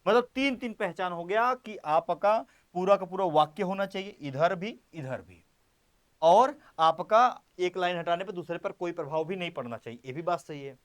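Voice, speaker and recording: A man teaches a classroom grammar lesson in a high, light voice. He repeats words slowly while he writes on the board. He jokes with his students and speaks to them directly. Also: animated. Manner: playful, addresses students directly.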